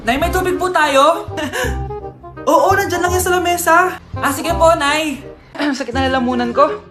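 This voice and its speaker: A woman's voice: sits high, unhurried. A woman performing comic skits, switching between a scolding mother and a whiny child. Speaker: comedy sketch creator. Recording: music playing behind the voice.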